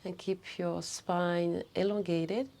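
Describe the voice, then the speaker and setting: A woman instructor leading a guided breathing practice in short, soothing, unhurried phrases. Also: on the low side, flat delivery, vocal fry, warm tone, slight background noise.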